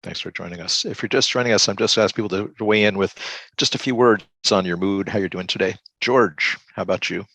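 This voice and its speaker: A man hosting a group video call, relaxed and halting, with many fillers. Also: on the low side, creaky, no room sound. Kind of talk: casual group check-in.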